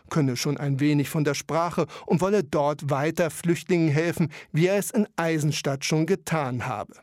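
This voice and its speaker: Male news reporter voice-over, slightly raised pitch, dry booth sound. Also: darkish tone, no echo. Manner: measured, matter-of-fact. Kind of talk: scripted news narration.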